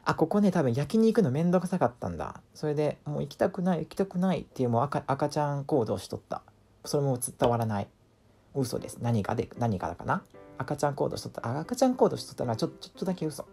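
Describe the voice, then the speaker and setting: Whiny, mellow-voiced man. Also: fairly high pitch, very animated, fast talker, gravelly, breathy edge, soft background music. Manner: exasperated, whiny complaining. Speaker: vlogger. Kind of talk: casual voice-over commentary.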